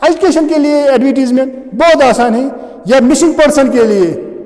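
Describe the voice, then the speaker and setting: A man's voice: very high voice, moderate pace, darkish tone, in a large hall. A man teaching English grammar in a classroom, mixing Hindi and English and often checking whether students follow. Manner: mixes Hindi and English, keeps asking "समझ आ रहा है?". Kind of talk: classroom lecture.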